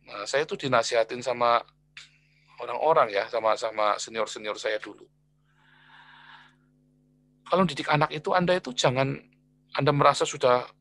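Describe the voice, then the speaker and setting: A man preaching a sermon in a lively, colloquial way, switching between quiet asides and loud exclamations and repeating phrases for emphasis. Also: fairly high pitch, creaky, slight background noise. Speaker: pastor.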